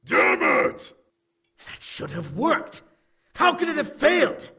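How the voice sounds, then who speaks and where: A woman voicing a hot-headed brutish male demon who talks gruffly and shouts while reading a game aloud. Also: high-pitched, huge pitch swings, slow, heavily acted. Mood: frustrated.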